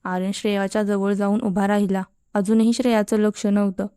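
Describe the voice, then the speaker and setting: A woman narrating a story in a steady storybook reading style, voicing every character herself. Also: mid-range voice, a little fast, clear, resonant tone, no room sound, clean studio sound.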